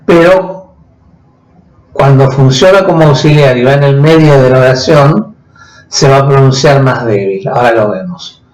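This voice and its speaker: A man teaching a grammar lesson, explaining slowly and patiently in his native Spanish. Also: mid-range voice, darkish tone. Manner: slow, patient explaining, switching between two languages. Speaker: English teacher. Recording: echoey room.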